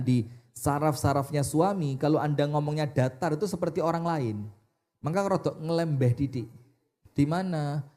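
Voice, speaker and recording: A man preaching a sermon, animated, asking the audience questions and answering them himself. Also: mid-range voice.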